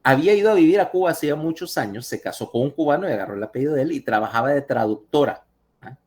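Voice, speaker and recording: A man's voice: on the high side, animated, racing, a little mellow. A man lecturing over a video call in a chatty way, telling anecdotes and asking his listeners questions.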